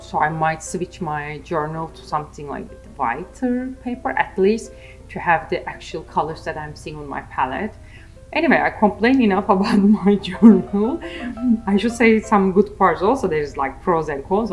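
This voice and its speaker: This Turkish-accented art vlogger, a young woman from Turkey, chats casually and teases herself in a voice-over as she draws. Her voice sits low and a little mellow, the audio is poor, and faint music runs beneath.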